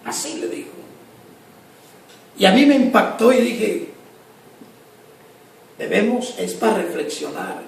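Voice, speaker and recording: A man, a lay missionary, preaching a sermon with impassioned, rising appeals and hushed asides. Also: sits high, lively intonation, slow pace, gravelly, pauses often, slight background noise. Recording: echoey, distant from the mic, faint ambience.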